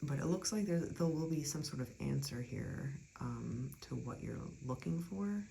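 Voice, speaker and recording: A tarot reader talking through a card spread in a chatty, reassuring way, often dropping into soft near-whispers. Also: mid-range voice, normal speed, gravelly, slight background noise, rough recording. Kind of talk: casual tarot reading.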